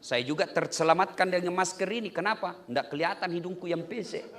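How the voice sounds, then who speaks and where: A male preacher giving a joking, animated wedding sermon to a live audience, full of rhetorical questions. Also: high voice, a little fast, background noise. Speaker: Islamic preacher.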